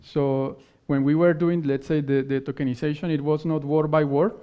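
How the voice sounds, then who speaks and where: Speaking English as a second language, this conference presenter works through technical material and audience questions in broken-up phrases, frequently starting words over. His smooth voice is slightly high with a level tone, and the stage recording sounds dull and lo-fi.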